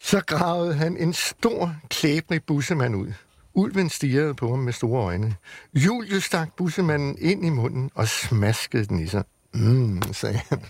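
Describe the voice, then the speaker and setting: Gravelly man reading a children's story. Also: a little high, slight background noise. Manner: lively storytelling. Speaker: radio reader. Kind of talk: reading a children's book aloud. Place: radio studio.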